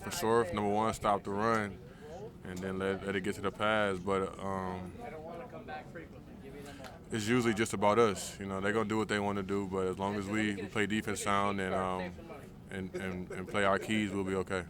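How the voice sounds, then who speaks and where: A man's voice: on the low side, little pitch movement, moderate pace. A young man, a defensive football player, giving casual locker room interview answers. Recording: crowd chatter behind. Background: crowd noise.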